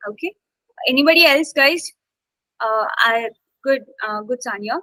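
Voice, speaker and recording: Woman, English instructor, live online class, high voice, dry close sound, keeps asking "okay?". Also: unhurried, bright, forceful tone, no room sound, poor audio. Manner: checks in constantly with "okay?" and coaxes students to speak.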